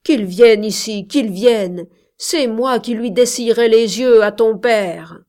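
A woman voicing a jealous young male shepherd who rants loudly and with scorn, threatening the girl he loves. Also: a little high, animated, slow. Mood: shouting, scornful. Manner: loud, ranting, contemptuous.

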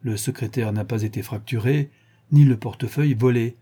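A man's voice: medium pitch, moderate pace, mellow, husky, lightly acted. A man doing a scoffing police chief. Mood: mocking. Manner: teasing, scoffing. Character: mocking male police chief, sardonic.

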